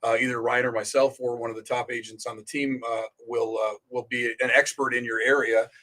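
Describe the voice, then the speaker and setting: A male radio co-host with an average, mid-pitched voice. He talks casually but with emphasis, often stumbling over repeated words before he lands a point. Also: flat delivery, brisk, pushed and bright. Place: radio studio.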